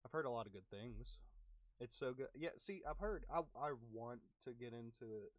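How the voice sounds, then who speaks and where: A young man chatting casually while playing a game, reacting with quick exclamations and clearing his throat as he loses his voice. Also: mid-range voice, lively intonation, no room sound, studio quality. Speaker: gaming streamer. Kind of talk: casual gameplay commentary.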